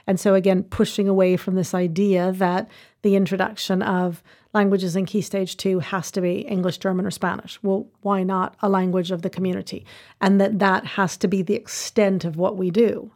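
A woman who is a language education expert, guesting in an interview, explains her points in order, earnestly and in a measured, conversational way. Her medium-pitched voice has a darkish tone, little pitch movement and normal speed.

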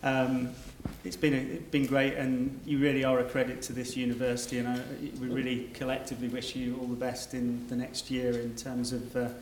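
Male event host, courteous and formal, hesitant delivery, flat intonation, echoey room, noisy background. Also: medium pitch. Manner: very polite, hesitant, halting. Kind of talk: formal event hosting remarks.

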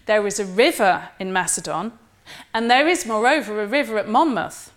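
Woman doing earnest welsh army captain, fussy and pedantic, fast and punchy. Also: mid-range voice, natural voice.

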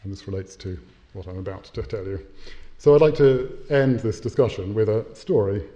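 Male academic lecturer, lowish mellow voice, measured delivery with small hesitations, dull lo-fi recording. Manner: measured, with occasional hesitations and self-corrections. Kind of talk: academic lecture with read-aloud story.

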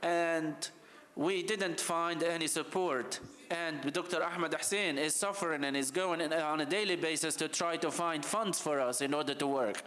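A man from Libya gives a conference talk with slides, speaking passionately and urgently, halting often with fillers. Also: on the high side, sharp tone. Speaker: heritage official presenting.

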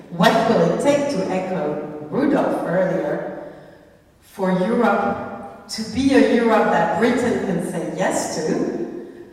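A woman professor giving a formal public talk in a deliberate, emphatic way, her voice husky from a cold. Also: on the low side, a little mellow. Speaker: professor, guest speaker. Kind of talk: formal lecture, public speech. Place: large reverberant lecture hall. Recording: very echoey hall, far from mic.

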